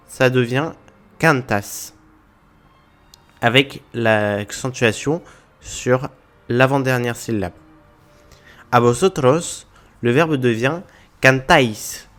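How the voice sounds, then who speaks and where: A language teacher with a medium-pitched, fairly bright voice explains a language point to viewers. His lesson is methodical, taking the examples one at a time.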